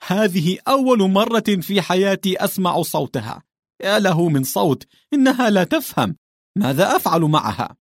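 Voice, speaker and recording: A man voicing a hefty, crude male landowner who grumbles and shouts in exasperation. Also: fairly low pitch, brisk, breathy edge, no echo, clean studio sound. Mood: shouting.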